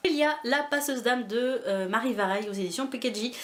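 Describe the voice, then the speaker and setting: A woman's voice: on the high side, fast talker, a bit bright. A woman from France chatting casually in a vlog about her book haul, with many fillers, restarts and self-mocking asides. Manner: self-mocking, laughs often. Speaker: booktuber showing a book haul.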